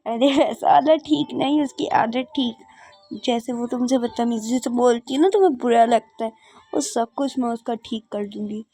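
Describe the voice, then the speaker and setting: In a doll game, a woman voices a young maid who poses as a neighbor to coax a little princess, a character both scheming and kind. Her natural, mellow voice sits on the high side and moves at a moderate pace, with a confiding mood.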